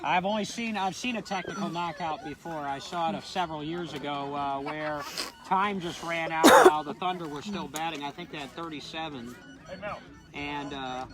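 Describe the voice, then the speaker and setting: A man's voice: a little high, moderate pace. A man doing casual play-by-play commentary for a ballgame, chatty and counting the score aloud. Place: outdoors at a ballfield. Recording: crowd noise behind. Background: crowd.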